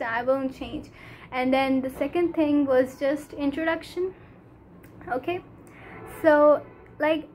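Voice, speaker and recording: Vlogging from a small room, a teenage girl from Pakistan, Urdu-speaking by birth and with a Pakistani English accent, chats earnestly to her phone camera at arm's length. She speaks in a high voice, haltingly and with many fillers, over a faint hiss or hum.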